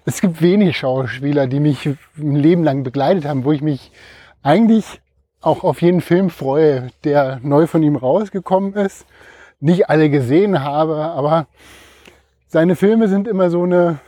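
Middle-aged man, husky, mellow, dry sound, halting casual storytelling while running. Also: on the high side, no room sound. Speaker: podcast co-host. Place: outdoors, on the move.

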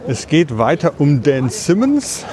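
A man co-hosting a casual podcast, presenting a topic in a halting way while walking outdoors in the city. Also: on the high side, big pitch swings, crowd noise. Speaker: podcast co-host. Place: outdoors on a city street along a tram line. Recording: clear street and vehicle noise behind.

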